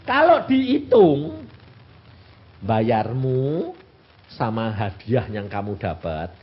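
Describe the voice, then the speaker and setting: Animated elderly Javanese-accented preacher. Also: male voice, mid-range voice, takes it slowly, gravelly. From Central Java, Indonesia. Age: 80s. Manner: animated, asks the congregation rhetorical questions. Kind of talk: sermon. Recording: dull lo-fi recording.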